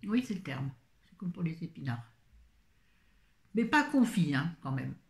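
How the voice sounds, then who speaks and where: A woman's voice: deep voice, sing-song, measured pace. A middle-aged woman chatting casually through a grocery haul, rambling with self-mocking asides. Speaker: vlogger. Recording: echoey room.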